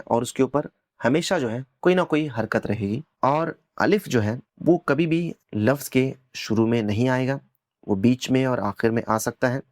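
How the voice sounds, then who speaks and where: A man teaching an Arabic lesson, patiently explaining and slowly repeating words for learners to copy. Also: mid-range voice, dry recording, studio quality.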